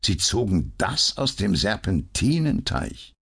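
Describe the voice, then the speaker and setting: A man's voice: on the low side, very animated, takes it slowly, vocal fry, a bit bright, breathy edge, voice pushed up, exaggerated voice. A man reading an audiobook, voicing the ironic, cool detective Sherlock Holmes with a raised, mocking tone. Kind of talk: audiobook character voice.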